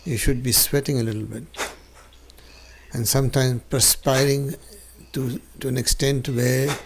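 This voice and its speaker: Slow, gravelly male yoga teacher. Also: mid-range voice, little pitch movement. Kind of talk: spiritual instruction with personal anecdote. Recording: clearly noisy recording with clicks.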